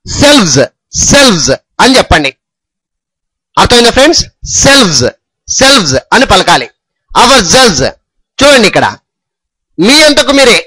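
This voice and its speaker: A male English teacher whose first language is Telugu leads a grammar lesson. He speaks in a high, bright voice and stretches his English example sentences out slowly. The recording is dry and close, with almost no room sound. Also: dry recording, poor audio. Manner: repeats terms, asks students if they understood.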